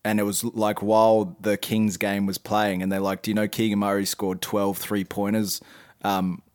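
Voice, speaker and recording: Lower-voiced man, halting sports chat. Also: little pitch movement. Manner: hesitant, many ums, reads out stats. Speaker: podcast co-host.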